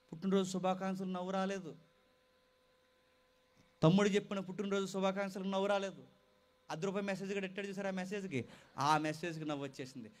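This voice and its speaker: A man with a high voice preaches an impassioned sermon. He presses his points with urgent, raised appeals, then drops into quiet, dramatic storytelling. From Telugu-speaking India. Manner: impassioned, swings from loud exhortation to quiet storytelling.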